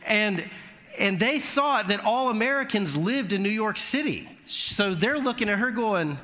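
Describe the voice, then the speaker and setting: A man preaching a sermon, telling a lively story and rising in pitch at the funny moments. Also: a little slow. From Florida. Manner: animated storytelling, voice climbing high at punchlines. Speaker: pastor. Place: church sanctuary. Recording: long hall reverb.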